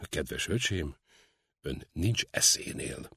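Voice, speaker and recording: A man's voice: very deep voice, sing-song, bright, forceful tone, husky, no room sound, clean studio sound, pitched below the performer's own voice, exaggerated voice. A man doing a frail old collector. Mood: protesting. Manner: courteous, protesting. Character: frail elderly male art collector, polite. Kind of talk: audiobook character reading.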